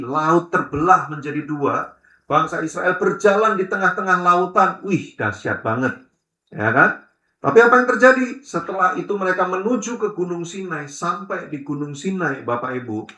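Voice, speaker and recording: A man preaching a sermon in a chatty, lively way, often addressing the congregation directly. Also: a little high. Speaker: pastor. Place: church hall. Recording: echoey church hall.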